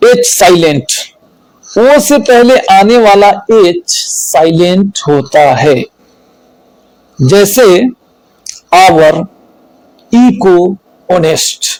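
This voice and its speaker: A man teaching English spelling rules, slow and deliberate, repeating each rule and listing examples. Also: high-pitched, lively intonation, darkish tone, no echo, low-quality recording. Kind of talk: spelling lesson explained in Hindi.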